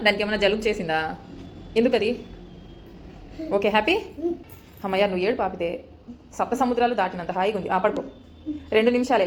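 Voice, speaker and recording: A woman's voice: mid-range voice, slight background noise. A young woman at home, scolding and coaxing her toddler in a casual family vlog, exasperated. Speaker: vlogger mother. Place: home, indoors.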